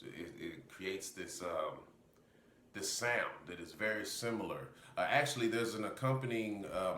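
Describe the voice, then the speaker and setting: Deep-voiced, congested man teaching breathing. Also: pushed and bright. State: congested sinuses. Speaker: breathwork instructor. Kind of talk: casual instructional talk on breathing technique. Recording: roomy echo, faint background noise.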